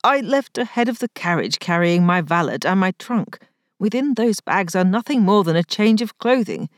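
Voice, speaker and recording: A woman's voice: expressive, moderate pace, dry recording, clean studio sound, close to an everyday voice. A woman voicing a wry, sore young viscount. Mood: wry, formal. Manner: formal period speech, rising to a strained high pitch.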